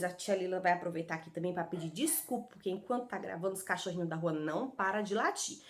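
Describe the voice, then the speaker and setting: Brazilian woman teacher, warm sing-song delivery for kids, sounds out syllables slowly. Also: mid-range voice. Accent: Brazilian Portuguese. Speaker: primary school teacher. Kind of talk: online lesson for young children. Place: home recording with street dogs barking outside.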